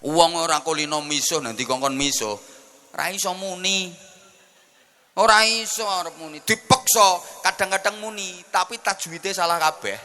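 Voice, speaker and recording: Javanese-accented male preacher, comic sermon, chatty and teasing, bright forceful voice, raised pitch. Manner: joking, chatty, teasing the audience.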